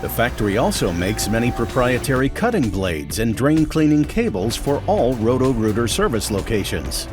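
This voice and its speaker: A man's voice: mid-range voice, big pitch swings, moderate pace, hardly any pauses. American guy doing scripted company training narration, really varied intonation, music under it. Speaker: corporate narrator.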